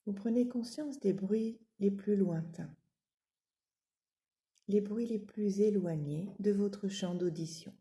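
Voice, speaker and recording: With a medium-pitched voice, a woman walks listeners through yoga nidra in a calm, steady manner. Long pauses follow each of her gentle spoken cues.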